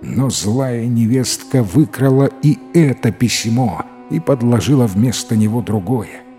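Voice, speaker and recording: A man narrating a fairy tale in an expressive, dramatic storytelling manner. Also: medium pitch, a little slow. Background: faint music.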